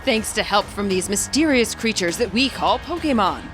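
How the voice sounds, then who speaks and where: Voicing a male business chairman from a game story, a woman gives a grand, welcoming public speech that is formal and pompous, with showy orator delivery. Her medium-pitched voice is animated and lightly acted, moving at a moderate pace over music.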